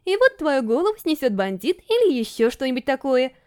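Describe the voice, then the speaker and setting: A woman voicing a stubborn, sharp-tongued young princess, scolding and indignant in an audiobook reading. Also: sits high, very animated, brisk, clean tone. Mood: angry.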